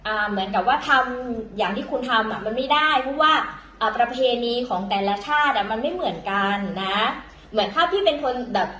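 A woman's voice: a little high, animated, a little fast, sharp tone, echoey room, a little hiss or hum, poor audio. A woman teaching in a casual, chatty way, full of fillers and self-corrections, talking to viewers as younger siblings. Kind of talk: casual vlog-style lesson.

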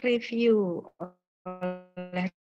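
A woman's voice: on the low side, steady tone, very slow, music in the background. A woman speaking in an online meeting over choppy, lagging call audio that cuts out, her phrases broken off. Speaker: lecturer asking a question in an online meeting. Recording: dull lo-fi video-call audio.

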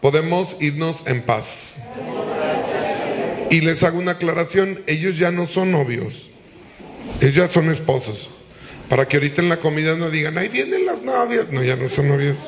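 A man's voice: fairly high pitch, animated, normal speed, a crowd in the background. A middle-aged man with a Mexican accent, a priest leading a couple through a wedding mass in a large church, giving directions with light jokes. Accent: Mexican Spanish. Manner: directive, gently joking.

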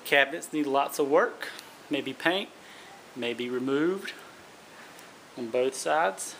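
A man's voice: medium pitch, takes it slowly, creaky, fairly bright tone. A man giving a casual walk-through commentary inside a small empty trailer, recorded on a handheld phone. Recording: noisy handheld recording with clicks.

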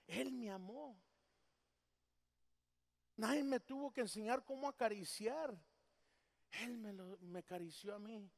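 A man preaching a sermon as pastor in a church, swinging from loud emphasis to hushed tenderness. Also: high voice. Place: church sanctuary. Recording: long hall reverb.

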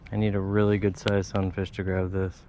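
Here a fishing vlogger gives casual play-by-play from a pond, telling viewers about each cast and bite. He sounds low-pitched and mellow, speaking briskly with a completely flat delivery. A head-mounted action camera picks him up in dull, lo-fi outdoor audio carrying a little hiss or hum.

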